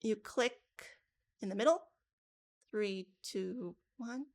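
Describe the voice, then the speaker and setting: A woman's voice: medium pitch, slow pace, a little mellow. A woman running a live coding workshop for teachers, casual and talking through each step aloud with frequent restarts. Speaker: teacher trainer.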